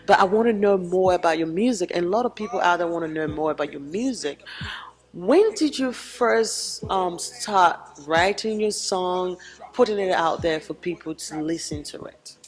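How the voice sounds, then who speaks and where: A woman's voice: on the low side, normal speed. A woman hosting an interview show, chatty and upbeat as she steers the conversation.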